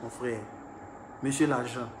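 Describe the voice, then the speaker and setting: A young man telling his viewers about an incident. He talks in an animated way and swings between hushed and raised speech. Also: medium pitch, unhurried. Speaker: artist recounting an incident. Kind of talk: storytelling to viewers. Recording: echoey room with faint ambient noise.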